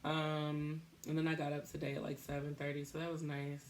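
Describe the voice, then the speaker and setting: A young woman hosting a podcast, talking in a casual, rambling way, thinking out loud and laughing at herself. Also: sits low, completely flat delivery, brisk, slight background noise. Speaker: podcast host.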